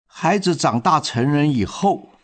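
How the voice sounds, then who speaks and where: A man narrating a moral story in a measured, reflective manner. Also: a little high, animated.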